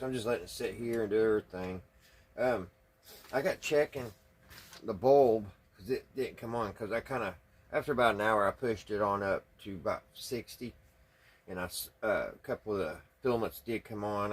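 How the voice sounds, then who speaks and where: Thinking aloud at the workbench, a hobbyist radio restorer who hosts videos describes his hands-on work in an easygoing, folksy way. His voice is low and husky, and he never rushes.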